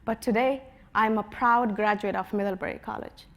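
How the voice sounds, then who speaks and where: A woman in her twenties from Afghanistan gives a prepared conference talk. She speaks at a middle pitch in an earnest, storytelling way. Her voice often sinks quietly at the close of a phrase. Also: fairly even intonation, moderate pace, very noisy. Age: 20s. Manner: earnest storytelling, voice drops softly at phrase ends.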